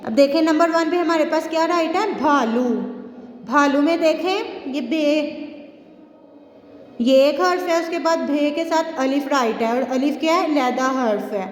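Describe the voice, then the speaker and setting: A woman teaching a kindergarten reading class, slowly drawing out letter sounds and mixing in English. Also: high voice. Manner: slow, drawn-out spelling of letters, mixing in English. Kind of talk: recorded classroom lesson. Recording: echoey room with long reverb.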